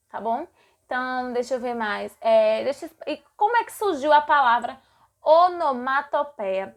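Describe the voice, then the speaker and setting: A woman's voice: high-pitched, fairly bright tone. A woman teaching a lesson, repeating words and acting out sound effects. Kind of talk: explanatory lesson.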